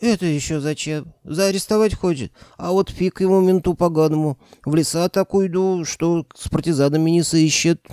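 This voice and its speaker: A man's voice: fairly high pitch, mellow, clear, resonant tone, no room sound, studio quality, voice pushed up, close to an everyday voice. A man voicing a grumpy old male forest spirit who grumbles and bristles. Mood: grumbling. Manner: cranky, grumbling, quick to bristle.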